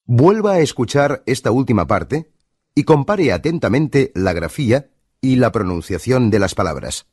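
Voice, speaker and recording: A man's voice: medium pitch, very animated, moderate pace, a little mellow, husky, no echo, clean studio sound. Spanish man narrating a language lesson. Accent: Spain Spanish. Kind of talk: scripted instructional narration.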